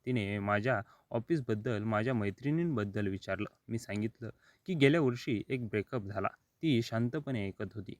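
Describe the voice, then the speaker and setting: A man reading a first-person story as scripted narration, steady and even. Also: lowish voice, moderate pace, dry recording.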